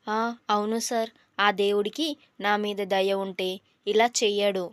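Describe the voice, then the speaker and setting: A woman's voice: medium pitch, level tone, unhurried, no room sound, studio quality, natural voice. A woman voicing a dramatic young female student who whines and pleads tearfully in a storybook. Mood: melodramatic whining. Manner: whiny, melodramatic pleading.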